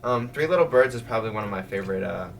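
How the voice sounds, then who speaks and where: A man's voice: fairly low pitch, very fast, creaky. A young man co-hosting a casual podcast chat, telling stories animatedly with many fillers. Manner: animated storyteller, lots of "like". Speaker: podcast co-host. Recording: distant mic, faint room noise.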